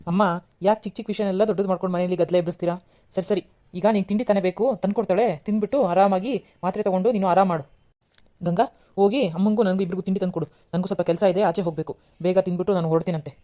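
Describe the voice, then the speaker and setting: Woman playing a young husband pleading calmly. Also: fairly low pitch, fast talker, lightly acted. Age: young adult. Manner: pleading, reasoning gently. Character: young husband and son, calm peacemaker. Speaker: cartoon voice actor. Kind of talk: cartoon serial acting.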